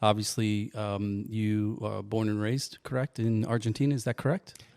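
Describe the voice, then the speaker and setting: A man hosting a podcast in casual chat, joking and halting with fillers and restarts. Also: fairly low pitch, little pitch movement, vocal fry, darkish tone, clear, resonant tone, dry recording. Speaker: podcast host.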